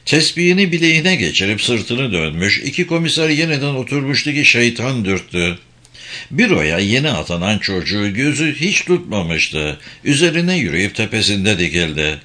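A man narrating a crime novel as an audiobook, in a measured, expressive reading. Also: medium pitch.

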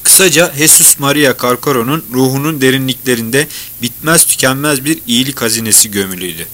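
Bright-voiced male audiobook narrator. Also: medium pitch. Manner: measured, storytelling. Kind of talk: scripted novel narration.

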